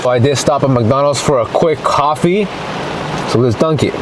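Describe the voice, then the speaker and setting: A man's voice: medium pitch, normal speed. A man giving a casual mukbang eating review to camera, talking to viewers as guys between bites and savoring hums. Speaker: food review vlogger. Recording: clear ambient background noise.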